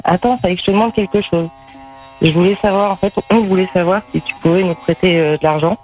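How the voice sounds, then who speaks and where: A hesitant young daughter stammers through a prank call, her voice pitched a little high, as a man puts her on. She halts constantly and pads every phrase with fillers. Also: fairly even intonation, darkish tone, soft background music, close to an everyday voice. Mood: pleading. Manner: hesitant, halting with many fillers.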